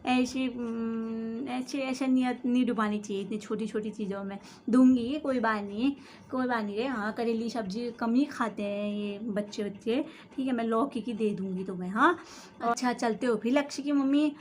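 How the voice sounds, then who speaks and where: A woman's voice: fairly high pitch, steady tone, normal speed, a little mellow, a little hiss or hum. A woman with an Uttarakhand Hindi accent, acting out a gossipy village chat between two friends in a comic vlog, full of fillers and tag words. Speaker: comedy vlogger.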